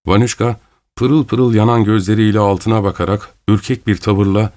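A man narrating a story aloud in a steady, even storytelling manner. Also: fairly low pitch, normal speed. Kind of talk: audiobook narration.

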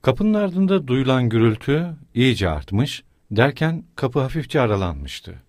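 Man reading a novel aloud; measured, expressive, animated pitch, dry studio sound. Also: no echo. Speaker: audiobook narrator. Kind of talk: scripted narration.

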